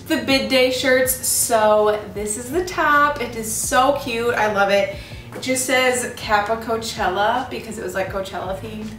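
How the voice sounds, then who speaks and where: A woman's voice: mid-range voice, fairly bright tone, a little hiss or hum. Bubbly young woman, echoey room. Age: young adult. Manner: bubbly, gushing sorority-girl chattiness. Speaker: vlogger. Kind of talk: casual chat to camera about outfits. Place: small indoor room in a home, standing before a door. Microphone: camera mic a few steps away. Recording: echoey room, slightly distant mic.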